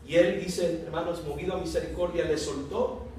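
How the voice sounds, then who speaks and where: A man's voice: on the high side, moderate pace. A man preaching an evening sermon, putting questions to his congregation and reading scripture aloud. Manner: calls out questions and the congregation answers back; reads scripture aloud, raising his voice for dialogue. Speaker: pastor. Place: church sanctuary. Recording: very echoey hall, from a distance, faint hiss.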